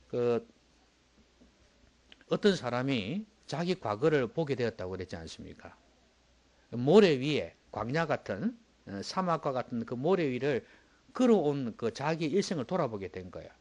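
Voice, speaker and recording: A pastor preaches a sermon, alternating quiet, low asides with loud, emphatic bursts and putting rhetorical questions to the congregation.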